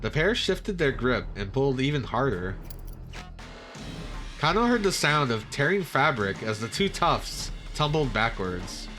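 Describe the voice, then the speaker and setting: Casual let's-play host reading a story game aloud, bright and animated, laughs at the scenes. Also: male voice, medium pitch, unhurried, soft background music. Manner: lively reading with chuckling asides.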